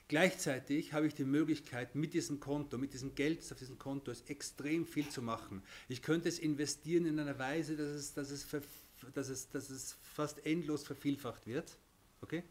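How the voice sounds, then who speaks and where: A man's voice: fairly high pitch, fairly even intonation, normal speed. Man teaching a religious lesson. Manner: explains with everyday examples, many restarts and "okay?".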